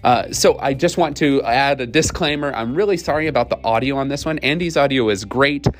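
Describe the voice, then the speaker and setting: A man's voice: medium pitch, fairly quick. A man hosting a podcast, voice muffled as if in a tunnel. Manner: friendly, with many ums and uhs. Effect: muffled audio, as if talking through a tunnel. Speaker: podcast host. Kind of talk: casual faith podcast chat. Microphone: video call. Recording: hollow, tunnel-like call audio from a distance.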